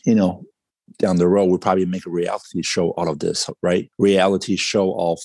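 A low, dark male voice with a slightly husky edge, pitching a startup confidently in a conversational interview. He is informal and salesy, explaining things through everyday comparisons, and the recording is close and dry. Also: level tone, moderate pace, no echo. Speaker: startup CEO guest.

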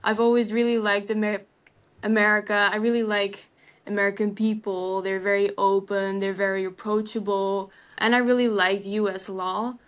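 A young native Dutch speaker from the Netherlands, a legal assistant appearing as a guest, gives casual interview answers, chatting easily and often saying "like" and "kind of." Her medium-pitched voice shows little pitch movement and moves at normal speed.

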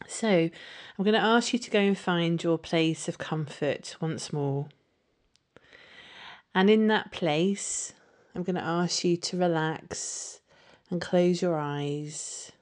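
A woman leading a guided meditation with soothing, unhurried instruction. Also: lowish voice, darkish tone.

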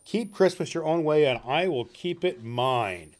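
A stern, crotchety old miser with a growling, curt delivery, as a man puts him on. He clips his words short and snaps. It is a storybook reading, raised above the reader's usual pitch. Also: expressive, a little slow.

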